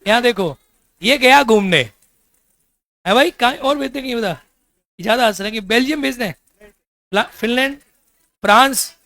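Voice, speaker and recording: A man's voice: extremely high pitch, moderate pace, pauses often, bright, forceful tone, no echo. A man teaching a class, keeps asking his students to repeat answers, teases them and jokes as he explains. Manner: quizzes the class with repeated questions, teasing and joking. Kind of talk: classroom lecture.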